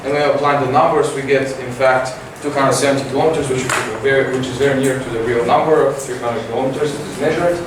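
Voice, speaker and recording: A teenage boy giving a science competition report with many fillers and halting phrasing. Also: medium pitch, steady tone. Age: teens. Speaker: student presenter. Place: large classroom with projector. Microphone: far camera. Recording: echoey room from far off, noisy.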